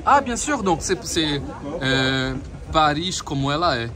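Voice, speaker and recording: A Brazilian travel vlogger with a Brazilian Portuguese accent strolls an outdoor Christmas market, chatting to viewers often and switching to careful French with vendors. His fairly high voice is sing-song and measured, with busy market crowd noise all around.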